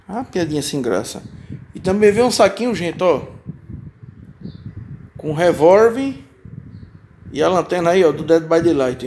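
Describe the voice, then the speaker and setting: A Brazilian man with a Brazilian Portuguese accent, vlogging an unedited unboxing in an excitable, chatty way, exclaiming often and muttering while he works. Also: on the high side, creaky, slight background noise. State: moved, close to tears. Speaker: YouTube vlogger unboxing a fan's gift. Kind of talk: casual unedited unboxing vlog. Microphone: handheld phone or camera, shaky.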